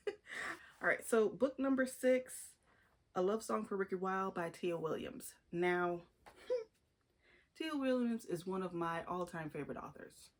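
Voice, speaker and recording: A woman's voice: mid-range voice, lively intonation, takes it slowly, long pauses. A woman talking casually to camera about her favorite books, chatty and gushing, with restarts and fillers. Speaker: book reviewer. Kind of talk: casual book review vlog.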